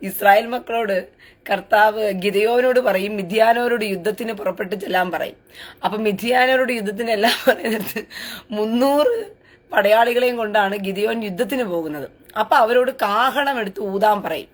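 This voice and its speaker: A woman's voice: mid-range voice, brisk. A woman hosting a live-stream commentary. She reads out viewer comments and answers them in a taunting, sarcastic, crude way.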